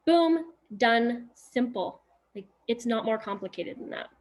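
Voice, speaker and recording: A woman's voice: fairly high pitch, animated, darkish tone. Chatty upbeat woman coaching on a call. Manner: chatty, upbeat, fast with many fillers and laughs. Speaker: sales trainer on a group call. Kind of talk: casual coaching talk.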